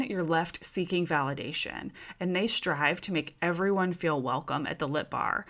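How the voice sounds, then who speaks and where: A woman hosts her own podcast, talking to her listeners like friends on a couch, calling them "you guys" and "y'all." Her voice is bright and forceful, and it sits a little low for a woman. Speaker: podcast host. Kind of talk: casual solo podcast talk.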